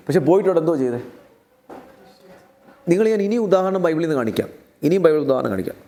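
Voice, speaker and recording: A man's voice: fairly high pitch, darkish tone. A man with a Keralite Malayalam accent preaching a sermon, putting questions to the congregation and retelling Bible stories in a conversational way. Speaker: pastor.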